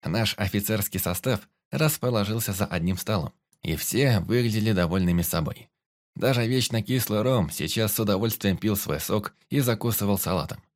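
A man narrating an audiobook in first person, calm and matter-of-fact. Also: fairly low pitch, normal speed.

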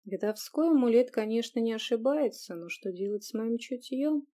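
A woman voicing a weary older witch who mutters to herself in a slow, dry way. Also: a little high, lively intonation, mellow, close to an everyday voice. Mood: wry.

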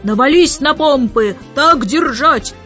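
Woman doing a loud old admiral, high roaring voice, storybook reading. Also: animated, takes it slowly, exaggerated voice. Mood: hearty. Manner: bellowing nautical shouts. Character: boisterous old male sea admiral. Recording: muffled audiobook with faint music.

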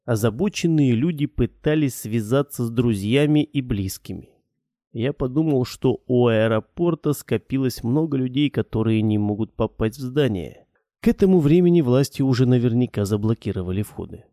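A man reading a first-person audiobook in a measured, matter-of-fact way. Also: mid-range voice, lively intonation, dark tone, dry recording, studio quality. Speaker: audiobook narrator.

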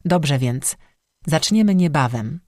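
A fierce star-woman and master smith, commanding and grave, voiced by an audiobook narrator. She speaks firmly, with a note of warning, at a middling pitch. The storybook recording is close and dry. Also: animated, slow, a little mellow, no room sound. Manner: firm, warning tone. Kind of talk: audiobook reading.

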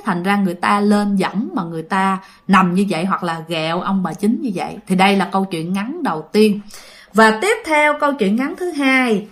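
Chatty storyteller woman. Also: medium pitch. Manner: chatty, addresses listeners directly. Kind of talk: casual narration of ghost stories.

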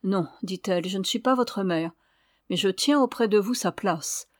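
A woman's voice: medium pitch, normal speed, no room sound, studio quality, natural voice. A woman reading aloud voices a stern, imperious older guardian who mocks and commands in a raised voice. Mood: indignant. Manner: imperious, mocking.

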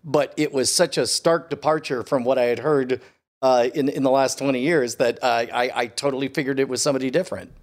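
Middle-aged man musing in halting chat. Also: medium pitch, steady tone. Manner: halting, restarts often, musing. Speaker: podcast co-host. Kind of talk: casual chat.

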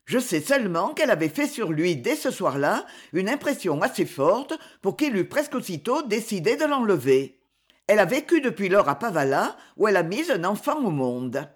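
A woman's voice: medium pitch, sing-song, moderate pace, slightly rough. A woman reading an audiobook, voicing a cold, haughty aristocratic father who speaks in clipped, contemptuous tones. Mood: icy. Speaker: character in an audiobook novel.

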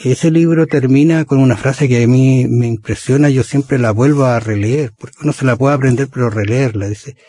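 A man's voice: medium pitch, normal speed, hardly any pauses, warm tone, breathy edge, no room sound. A man hosting a religious radio program, talking casually and often adding rhetorical tag questions.

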